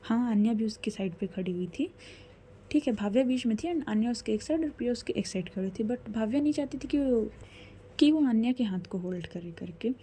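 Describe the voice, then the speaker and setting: Brief: conversational woman narrator, warm dark tone, self-correcting. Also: fairly high pitch, animated, brisk, slight background noise. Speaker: storyteller. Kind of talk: casual story narration.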